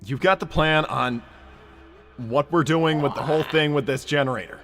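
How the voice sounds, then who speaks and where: A man voicing a cocky, easygoing young hedgehog hero in a casual, brash, halting way, improvising in character on a livestream. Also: on the high side, a bit bright, soft background music. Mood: casual, decisive.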